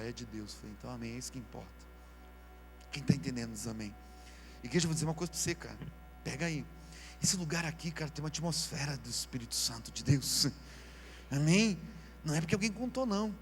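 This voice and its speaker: A Brazilian man preaching a sermon at a live church service, in a casual, slangy way that swings from quiet asides to shouting. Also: a little high. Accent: Brazilian Portuguese. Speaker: pastor.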